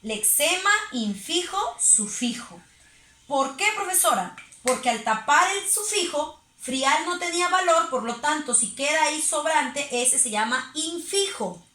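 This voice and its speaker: A woman teacher with a high, bright voice explains a lesson in an echoey room. She keeps asking questions and then answers them herself, taking her time. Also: animated, normal speed, few pauses, a little hiss or hum. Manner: patient, asks and answers her own questions. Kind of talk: recorded lesson for students.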